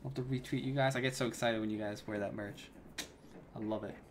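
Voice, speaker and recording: Young male streamer, hushed casual chat with viewers, game gunfire clear in background. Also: mid-range voice, fairly even intonation, fast, slight background noise. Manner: casual, keeps greeting viewers by name, says bro and my man; keeping his voice down so his wife can sleep. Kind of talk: live gameplay stream chat.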